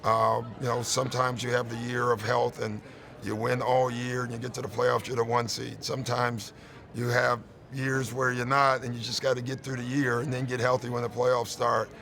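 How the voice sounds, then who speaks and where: Gravelly-voiced man fielding press questions. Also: mid-range voice, little pitch movement, moderate pace, a bit bright. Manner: candid, conversational, peppered with "you know" and "listen". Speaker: head coach. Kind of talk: postgame press conference answers.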